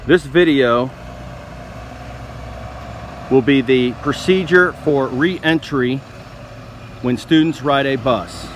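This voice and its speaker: A young adult man reads the scripted voice-over for a school news video, delivering instructions plainly and steadily. His voice is medium in pitch, slow, with frequent pauses.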